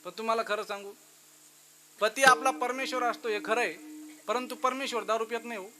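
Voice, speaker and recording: A male kirtan preacher gives a devotional sermon full of stories and keeps calling out to his listeners as Maharaj. His voice sits very high and sounds bright and forceful, and his delivery is animated. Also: brisk, soft background music.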